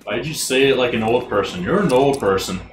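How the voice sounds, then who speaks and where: A man's voice: medium pitch, lively intonation, quick pace, slight background noise. A man streaming a video game in casual banter, playful and teasing, with running gags. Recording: roomy echo with faint game sound.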